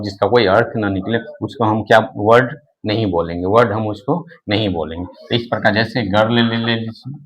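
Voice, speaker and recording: A man's voice: fairly low pitch, fairly bright tone, slight background noise, rough recording. A man teaching an English lesson, who keeps asking questions and answering them himself, with many repeats and restarts. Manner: repeats himself and restarts often, fillers like "nahin". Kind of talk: classroom-style lesson explaining English in Hindi.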